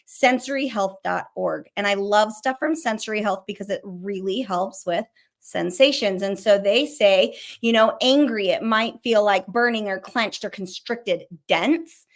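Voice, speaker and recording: A middle-aged woman counselor hosting a show, teaching casually and talking fast in a chatty way, swearing now and then. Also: medium pitch. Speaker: licensed counselor hosting a mental health show. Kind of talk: casual teaching while sharing a screen.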